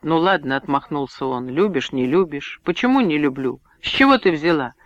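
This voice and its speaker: A man reading an audiobook, voicing an awkward, torn young man of nineteen in a low, subdued way. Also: animated, fairly quick, a bit bright, no echo, lo-fi sound.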